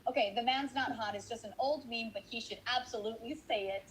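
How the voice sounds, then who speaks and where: A woman from Colombia, a voice actress chatting casually in an interview, playful and animated. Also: fairly high pitch, brisk, poor audio. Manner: playful, animated, quotes lines in character voices. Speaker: voice actress guest.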